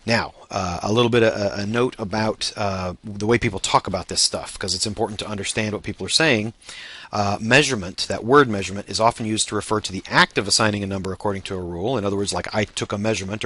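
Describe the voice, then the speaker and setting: A man lectures on statistics in a relaxed, explanatory way, slipping in frequent "uh" fillers as he works through examples. His voice sits somewhat low, yet its tone comes across bright and forceful. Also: dry recording.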